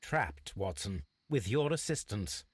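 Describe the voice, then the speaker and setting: An actor playing a self-assured, calculating gentleman detective in a video game, speaking formally and precisely. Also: on the low side, big pitch swings, unhurried, breathy edge, full character voice.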